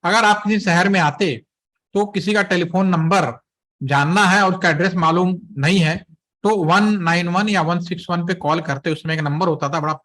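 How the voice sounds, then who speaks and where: A man's voice: high-pitched, normal speed, fairly bright tone. Man teaching networking step by step. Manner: explains step by step, checks in often with "theek hai". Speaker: instructor. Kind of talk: technical lecture for trainees.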